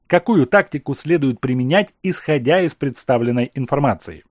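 A man voicing a calm, authoritative emperor who questions his officers and lays out plans in a measured, explaining manner. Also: medium pitch, no echo, clean studio sound, lightly acted. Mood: instructive.

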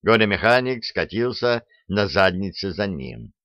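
A man narrating a first-person war story as an audiobook, lively in delivery. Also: fairly low pitch, a little slow, no room sound, muffled recording.

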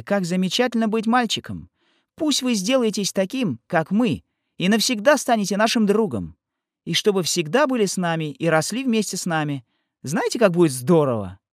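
A man voicing an excitable young boy in an audiobook, talking in a bouncy, excited way. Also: high-pitched, moderate pace, dry recording, clean studio sound, pitched above the performer's own voice.

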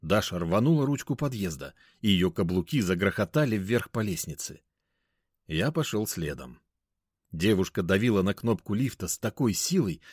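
Low-voiced guy reading a story, bouncy intonation, dry close sound. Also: a little mellow, husky, dry recording. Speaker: narrator. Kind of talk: first-person audiobook narration.

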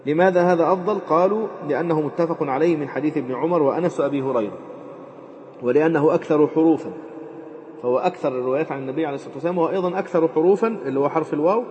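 Fast-talking man teaching in a hall. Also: a little high, a little mellow, a little hiss or hum. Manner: rapid, repeats and quotes phrases, frequent fillers. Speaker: Islamic jurisprudence teacher. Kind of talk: explaining a legal text. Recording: dull lecture recording with long reverb.

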